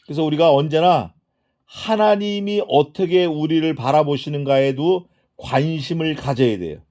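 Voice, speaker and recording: A middle-aged pastor with a fairly high, warm voice preaches an expository sermon at normal speed. He poses questions to the congregation and answers them himself, acting out quoted prayers and speech.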